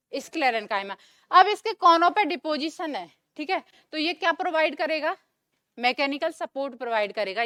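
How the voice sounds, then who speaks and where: A young woman with a high, light voice teaches a class, throwing out questions and answering them herself as she goes over each term again. Her voice sounds close and dry, with no room echo. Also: fairly bright tone. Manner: asks questions and answers them herself, repeats key terms. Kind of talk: classroom lecture.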